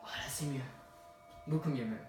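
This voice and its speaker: A man rambles through a relaxed let's play, correcting himself mid-sentence and chatting to his viewers. His voice sits in the middle range and is caught by a phone some distance away, so the room rings around him and a faint hiss sits underneath. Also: medium pitch, moderate pace, very echoey. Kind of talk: casual gameplay commentary. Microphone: phone filming the screen.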